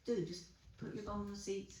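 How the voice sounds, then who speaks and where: A woman's voice: mid-range voice, fairly even intonation, a little fast, dark tone. A woman giving hesitant, encouraging closing remarks to writers at a festival, full of ums. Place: festival venue. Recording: echoey room, faint noise.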